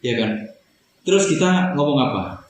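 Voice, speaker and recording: A man's voice: mid-range voice, big pitch swings, normal speed, slight background noise. A man preaching a conversational sermon, often turning to his listeners as brothers and sisters. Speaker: pastor. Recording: very echoey hall.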